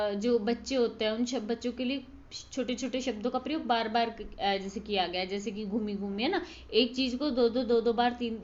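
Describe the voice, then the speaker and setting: A woman tutor explains course material in a relaxed, conversational lesson and keeps checking in with her listeners. Her voice sits fairly high. The recording sounds dull and lo-fi. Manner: conversational, checks in with listeners, acts out baby talk as examples. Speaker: tutor for distance-learning exam prep.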